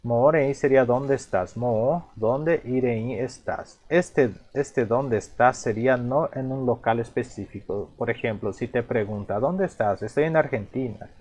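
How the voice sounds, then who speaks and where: A man teaching a language lesson, explaining slowly, repeating each term and asking himself questions before answering. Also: mid-range voice, a little mellow. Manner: repeats terms patiently, asks himself rhetorical questions.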